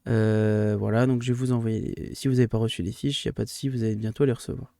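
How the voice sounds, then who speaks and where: A man's voice: fairly low pitch, steady tone, fast, gravelly, dark tone, no echo. A male primary school teacher recording a remote lesson for his pupils, hesitant with many fillers and restarts, livelier when he explains a rule.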